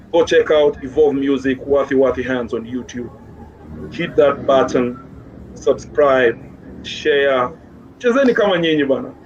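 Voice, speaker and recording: His voice is medium-pitched and a little mellow. This Kenyan man, a music guest in a casual interview, offers encouragement, repeats phrases, and mixes in Swahili slang with his English, in a muffled recording with clear background noise.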